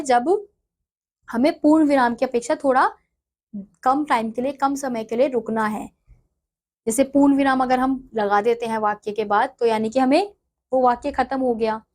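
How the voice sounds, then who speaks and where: Higher-voiced woman teaching a lesson. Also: a little mellow. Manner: reads textbook text, then explains it in her own words; self-correcting, repeats phrases. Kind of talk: explaining a textbook lesson.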